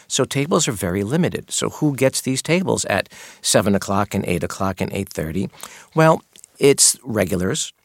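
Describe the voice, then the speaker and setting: A man's voice: on the low side, gravelly, no echo, studio quality. A middle-aged man who worked as a maitre d', answering interview questions with earnest storytelling. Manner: earnest storytelling, quotes guests in his retelling.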